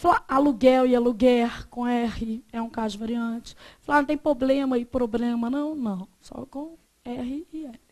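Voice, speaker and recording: A Brazilian woman teaching a Portuguese class, chatty and joking, slowly drawing out the example words. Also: a little high, fairly even intonation, a little mellow. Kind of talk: classroom lesson.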